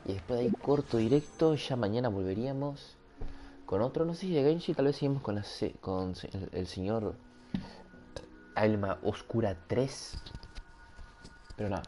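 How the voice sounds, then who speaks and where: A young Rioplatense Spanish-accented streamer, his voice fairly low and dark with lively intonation, chats casually on a gaming livestream at a moderate pace, pausing often. Over his headset microphone he rambles, jokes with viewers, and laughs at himself.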